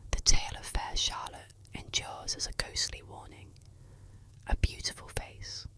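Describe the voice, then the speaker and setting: A woman narrating eerie tales as ASMR, in a soft unvoiced whisper close to the ear. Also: unhurried. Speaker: ASMR storyteller. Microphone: close ASMR microphone.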